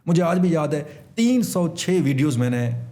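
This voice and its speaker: A man's voice: a little high, big pitch swings, moderate pace, warm tone. A man from Pakistan, a guest on a casual interview, telling his story earnestly and using many English terms. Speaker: interview guest, online seller.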